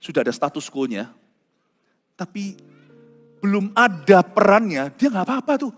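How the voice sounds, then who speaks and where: A male pastor preaching a dramatic sermon, swinging between hushed lines and shouts and mixing in English phrases. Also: high-pitched, very animated, normal speed. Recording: reverberant hall with soft music behind.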